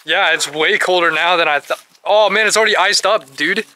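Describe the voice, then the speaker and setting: High-pitched young guy, casual bro slang. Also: fairly quick, pushed and bright. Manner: laid-back bro slang. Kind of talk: casual chat.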